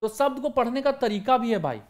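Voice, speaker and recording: A man's voice: very high voice, lively intonation, fairly quick. A man teaching vocabulary for exam prep, asking the class questions and answering them himself while repeating the key words. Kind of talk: online vocabulary lesson.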